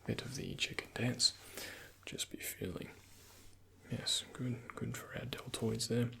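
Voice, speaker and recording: Speaking in a breathy, mostly half-whispered tone, this soft-spoken man plays a doctor in an ASMR roleplay, offering gentle instructions and reassurance. His pitch sits in the middle, his delivery is completely flat, and he goes a little slowly.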